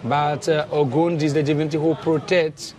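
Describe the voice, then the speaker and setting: Young beninese guy doing a tour, kinda high voice, halting english w accent, people chattering outside. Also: little pitch movement, a crowd in the background. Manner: halting non-native English with simple phrasing. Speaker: temple tour guide. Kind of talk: explanatory guided tour. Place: outdoors in a temple courtyard. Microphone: clip-on lavalier.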